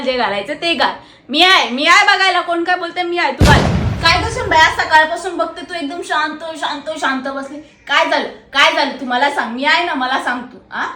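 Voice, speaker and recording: A woman playing a loud, protective, bossy but doting mother-in-law in a comic sketch. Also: high-pitched, a little fast, roomy sound, slight background noise. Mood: bold.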